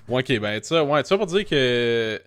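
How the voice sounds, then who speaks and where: Quebecois guy rambling on a podcast, kinda high voice, swears casually, laughs at himself. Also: a bit bright, no echo. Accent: Quebec French. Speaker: podcast co-host. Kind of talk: casual chat.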